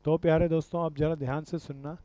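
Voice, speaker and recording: Speaking quickly in a fairly high but dark, level voice, a man runs a commerce lecture full of questions for his students, calling them dear friends and brother. There's no room sound, but the recording is dull and lo-fi.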